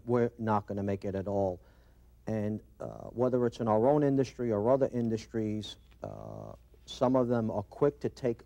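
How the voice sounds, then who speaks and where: A man's voice: on the low side, dark tone. A middle-aged man with a Brooklyn accent talking conversationally as a company owner in a studio interview. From Brooklyn, New York. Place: TV studio set, indoors. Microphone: lapel mic.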